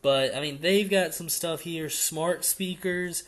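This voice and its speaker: A young man chatting on a casual podcast, laying out opinions in long, rambling run-on sentences. His voice sits a little higher than most men's. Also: takes it slowly, a bit bright. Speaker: podcast co-host.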